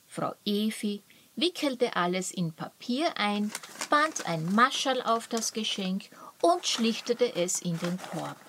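A woman calmly reading a children's story aloud. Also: mid-range voice, slow, slight background noise. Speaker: narrator.

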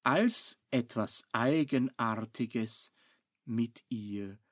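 Calm male narrator for a children's audiobook, extremely slow and dry, close sound. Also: medium pitch, dry recording. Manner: calm, very unhurried storytelling. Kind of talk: children's storybook reading.

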